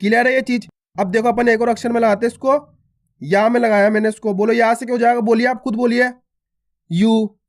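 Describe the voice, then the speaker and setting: A man's voice: very high voice, fairly even intonation. A man teaching a beginner reading lesson in a video, repeating each point and asking the viewer questions, drawing out single syllables. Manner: repetitive, asks the viewer questions, drawn-out syllables. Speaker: Hindi teacher.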